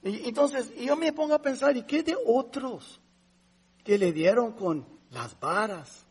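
A man preaching a sermon in a fairly high, husky voice. He talks to his congregation like family, calling them brothers, and keeps asking rhetorical questions. His delivery swings with emotion. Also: animated, unhurried, darkish tone. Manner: conversational preaching, addresses listeners as brothers. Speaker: pastor.

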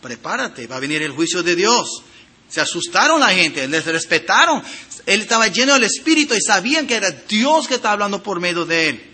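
A man preaching a sermon, reading scripture aloud and addressing the congregation directly with emphatic swings of loudness. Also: high voice, very animated, brisk, husky. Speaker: pastor.

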